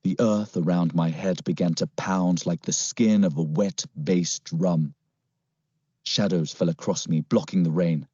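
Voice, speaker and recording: A man narrating a first-person story in an expressive, dramatic reading. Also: sits low, breathy edge, no room sound. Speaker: audiobook narrator. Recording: slightly muffled, dry.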